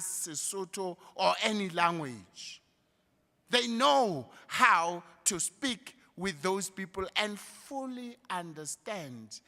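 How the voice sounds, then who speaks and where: A man with a South African accent giving a graduation address in a large hall. He speaks slowly and emphatically, rising like a preacher on key points. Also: high-pitched, sharp tone. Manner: slow, emphatic speechmaking with a preacher-like rise. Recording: reverberant hall through a PA.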